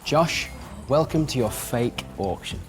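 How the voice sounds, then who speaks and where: A man's voice: mid-range voice, expressive, a little slow, long reverb tail, faint music behind. A man hosting a TV prank show, chatty and jokey as he presents to camera.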